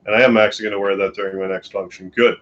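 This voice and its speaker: A man's voice: lowish voice, level tone, very fast, a bit bright, lo-fi sound. Sleepy Canadian man streaming. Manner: sleepy, rambling, yawning. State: tired. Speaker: live streamer. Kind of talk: casual live stream chat, reading chat. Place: home bedroom.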